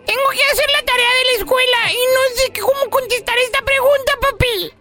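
A man's voice: extremely high pitch, fairly even intonation, a little fast, over music, voice pushed up. A man voicing a little boy who whines to his dad for homework help. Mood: whiny. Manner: whiny, pleading child's voice.

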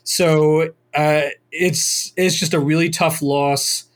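A man's voice: a little high, steady tone, takes it slowly. A man co-hosting a podcast, telling a long story in a rambling, casual way with many fillers. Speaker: podcast co-host. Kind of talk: casual chat.

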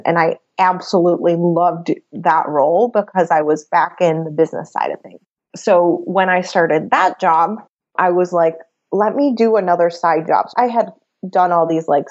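A woman in her thirties from Venezuela chats as a guest on a business podcast, rambling happily with lots of "like" and frequent laughter. Her voice is on the low side for a woman. The sound is dull and lo-fi, as if from a remote line. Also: darkish tone. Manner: chatty, laughs often, many "like"s. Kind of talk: casual interview chat.

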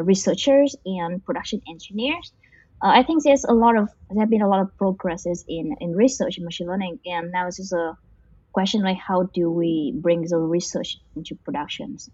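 A Vietnamese woman who works in machine learning is a guest in an interview, answering casually and hesitantly with lots of fillers and restarts. Her voice is lowish, warm and slightly rough, with no echo, on dull, muffled lo-fi audio.

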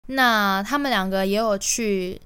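A young woman from Taiwan, hosting a podcast and telling a personal story in an animated, emotional way. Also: medium pitch, a little slow, clear, resonant tone. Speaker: podcast host.

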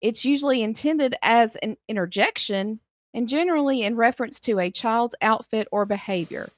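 A woman's voice: fairly high pitch, normal speed, no echo. A tired woman from Alabama, co-hosting a casual podcast in a folksy way. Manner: folksy, uses y'all. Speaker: podcast co-host presenting a segment.

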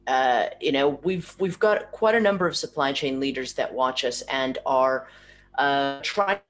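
A woman with a bass voice conducts a remote interview on a laptop or computer mic, and the call audio keeps cutting out. She speaks a little slowly and expressively, thinking aloud, starting sentences over and often ending them with tag questions, with slight background noise.

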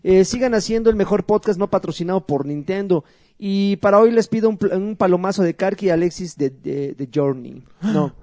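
Man, Mexican accent, high-pitched, podcast host, reading listener messages, casual asides. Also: fairly quick, dark tone, dry recording.

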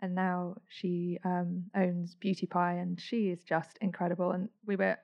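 Upbeat chatty woman, gravelly. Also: fairly low pitch, level tone, measured pace. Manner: chatty, upbeat, laughs often. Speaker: podcast guest. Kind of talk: casual conversation. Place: indoor room. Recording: dull lo-fi sound.

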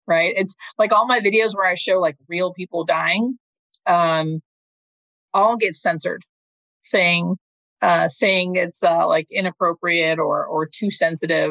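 A woman's voice: fairly low pitch, vocal fry, fairly bright tone, no echo, muffled recording. A woman speaking as an interview guest, a hospice nurse talking casually and thinking aloud as she checks for agreement.

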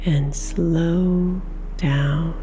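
A woman guiding a sleep meditation in a soft, slow, soothing whisper. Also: sits low, fairly even intonation, faint music behind.

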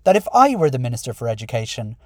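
A man's voice: mid-range voice, very animated, fast talker, dry recording. Irish man hosting a podcast, dry close sound. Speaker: podcast host and school principal. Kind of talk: podcast monologue, part scripted, part conversational.

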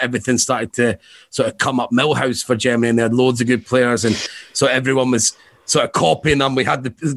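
A man's voice: medium pitch, no room sound. A man, co-hosting a casual football chat, rambling and laughing often. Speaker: podcast co-host.

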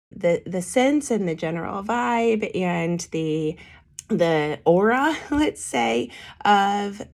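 A woman hosts a casual solo podcast with a hoarse voice that is giving out. Her pitch sits a little low and gravelly creak runs through it. She still talks with emphasis and enthusiasm. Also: a little mellow. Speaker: podcast host.

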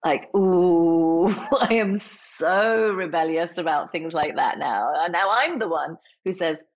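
A woman's voice: on the low side, slow. A woman, a podcast guest telling stories candidly, laughing often and acting out voices. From England. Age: 40s. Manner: lively, laughs often, acts out quoted voices. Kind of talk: candid storytelling in conversation. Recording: slightly dull lo-fi audio.

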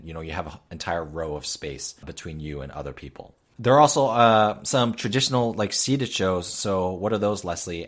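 A man co-hosting a casual talk show, speaking conversationally with frequent fillers. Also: sits low. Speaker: podcast co-host. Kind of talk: casual chat.

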